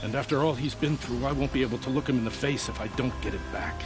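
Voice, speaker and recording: A man's voice: mid-range voice, fast talker, music in the background, close to an everyday voice. An actor playing an aggrieved nobleman in a video game, speaking in an earnest, proud and formal manner. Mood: earnest, sorrowful. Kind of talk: video game dialogue acting.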